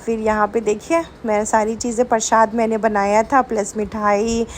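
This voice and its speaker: Young woman from India, vlogger, chatty, fairly high voice, faint background noise. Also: level tone, moderate pace. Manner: chatty, addresses viewers as guys. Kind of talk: casual vlog chat.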